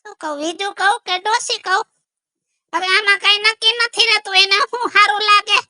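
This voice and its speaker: A man's voice: very high voice, steady tone, fairly quick, pushed and bright, soft background music, exaggerated voice. A man playing a grumpy old village man whose wife has left, complaining and cursing in a theatrical way. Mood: scolding. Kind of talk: rustic comedy sketch acting.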